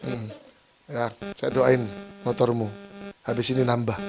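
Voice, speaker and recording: Joking Surabaya pastor mid-sermon. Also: male voice, medium pitch, flat delivery, measured pace, creaky. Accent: Surabaya Javanese-flavored Indonesian. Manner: playful, teasing the congregation, laughs often. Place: church service.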